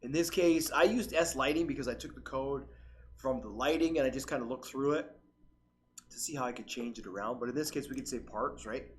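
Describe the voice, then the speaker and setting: A man talks through a screen-recorded coding tutorial, his voice worn from a cold. He rambles loosely, with ums and restarts, at a middling pitch. Faint noise and keyboard clicking sit behind him. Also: brisk. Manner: rambling, filler-heavy, restarts sentences. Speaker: channel host, tutorial maker.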